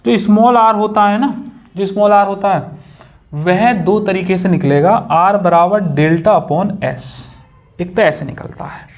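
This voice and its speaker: High-voiced casual maths teacher. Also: male voice, unhurried. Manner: casual, chatty, joking asides to students. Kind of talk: whiteboard maths lesson.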